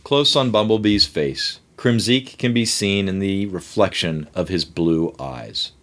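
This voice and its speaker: A man narrating a comic script panel by panel in a low, deep voice. His delivery is brisk and animated, with a wide pitch range as he reads the scene directions. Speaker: host and narrator. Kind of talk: reading a comic script aloud.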